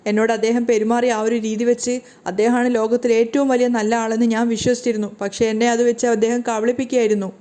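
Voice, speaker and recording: A woman's voice: fairly high pitch, little pitch movement, fast talker, mellow, lightly acted. A woman voicing a betrayed middle-aged wife in a wheelchair, pleading in grief. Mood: grieving.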